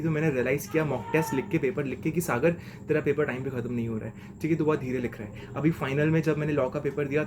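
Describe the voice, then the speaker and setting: A man's voice: on the high side, background noise. A young man giving a chatty, slangy lesson of exam tips as a mentor. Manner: chatty and slangy, keeps saying "okay?".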